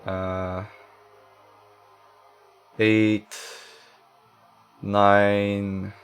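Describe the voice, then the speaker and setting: A man's voice: fairly low pitch, clear, resonant tone. French-Canadian man musing over a deck. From Quebec, Canada. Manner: thinking aloud, frequent filler words and restarts. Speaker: streamer. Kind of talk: casual card-game deck commentary.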